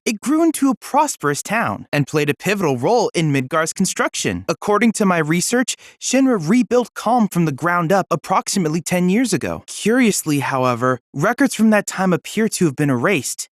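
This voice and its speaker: In this scripted video game line, a polite, keen, studious young android boy researcher explains things earnestly. His high-pitched delivery is formal and exact, with a lively, varied melody, a moderate pace and hardly any pauses. The sound is dry and studio-clean, with no echo or room noise.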